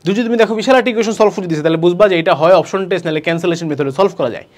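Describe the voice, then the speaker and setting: A man's voice: high-pitched, very fast. A young man with a Bangladeshi Bengali accent teaching an exam-prep lesson, mixing in English words and checking in with rhetorical questions. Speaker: admission test tutor. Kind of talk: video lesson on exam tips.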